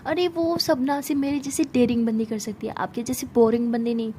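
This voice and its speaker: A woman's voice: fairly high pitch, flat delivery, fairly quick, mellow, slight background noise, natural voice. A woman voicing a confident young woman who playfully mocks and teases her partner. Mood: teasing. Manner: playful, mocking, teasing.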